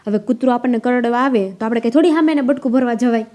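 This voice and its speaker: A young woman acting a calm relative who gently reasons with her grandmother to avoid a quarrel, in a family drama. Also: a little high, rapid-fire, natural voice. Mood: reasoning. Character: calm daughter-in-law pleading with her grandmother.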